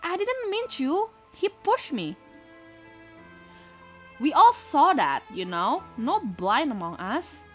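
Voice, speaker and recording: A woman's voice: sits high, very animated, takes it slowly, long pauses, a bit bright, soft background music, pitched above the performer's own voice, exaggerated voice. A woman voicing a nervous, protesting schoolboy in a visual novel. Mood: flustered, protesting. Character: nervous bespectacled schoolboy, pleading and defiant.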